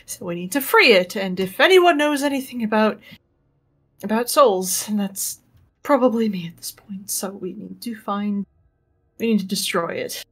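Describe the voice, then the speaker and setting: A woman's voice: medium pitch, expressive, normal speed, breathy edge. A woman chatting casually as a player in a tabletop game, thinking aloud and often repeating words. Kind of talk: casual improvised game chat.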